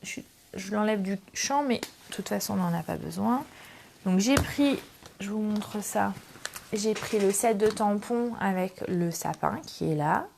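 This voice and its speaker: A woman from France hosting a relaxed craft tutorial, talking casually through each step with many fillers. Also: mid-range voice, a little slow, creaky. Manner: chatty, relaxed, thinks aloud with fillers. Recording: faint background noise and clicks.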